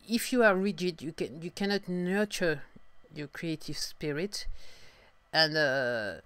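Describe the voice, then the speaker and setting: A young adult woman from France with a French accent, talking through a casual podcast monologue in halting sentences full of restarts and fillers. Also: deep voice, no room sound. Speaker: podcast host, singer-songwriter.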